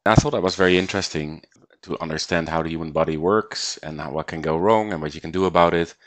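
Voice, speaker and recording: A middle-aged man from the Netherlands, a guest on an interview podcast, talking in a measured way with frequent repeats and fillers. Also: sits low, dry recording. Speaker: guest, investment banker.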